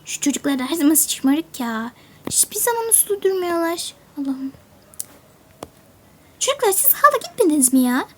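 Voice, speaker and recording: A woman playing a bossy, hurried mum. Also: high voice, expressive, darkish tone, slight background noise. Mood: scolding. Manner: scolding, hurried. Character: bossy, impatient mother of three. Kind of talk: toy game role-play voice.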